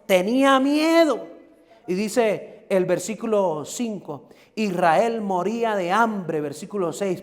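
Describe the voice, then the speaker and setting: A male pastor preaching an emphatic sermon and calling on the congregation to respond. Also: very high-pitched. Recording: long hall reverb.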